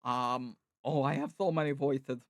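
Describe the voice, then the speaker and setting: A man voicing a loud, cheery male clown with a sing-song showman delivery. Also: mid-range voice, fairly even intonation, a little slow, no echo, clean studio sound, pitched below the performer's own voice, lightly acted. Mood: chirpy. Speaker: streamer and voice actor.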